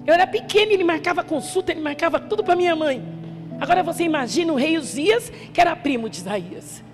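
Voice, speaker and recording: Fervent high-voiced woman preaching. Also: animated, fast. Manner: fervent, swings from soft storytelling to shouted exhortation. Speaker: missionary preacher. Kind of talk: church sermon. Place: church hall. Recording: long church reverb with music behind.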